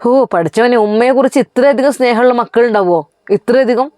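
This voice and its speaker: A woman's voice: a little high, a little mellow, no room sound, studio quality, voice pushed up, lightly acted. A woman voicing a cheerful male religious teacher who teases and consoles his weeping friend. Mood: consoling. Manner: teasing, consoling, quick.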